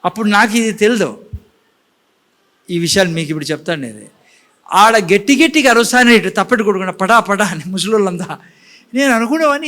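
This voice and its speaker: High-voiced man preaching to a congregation. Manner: lively preaching, questions to the congregation. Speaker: pastor. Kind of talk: sermon. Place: church.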